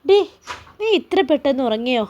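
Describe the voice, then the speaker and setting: A woman reading a storybook, voicing an affectionate young husband who asks softly and gently. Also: high-pitched, very animated, normal speed, lo-fi sound. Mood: coaxing.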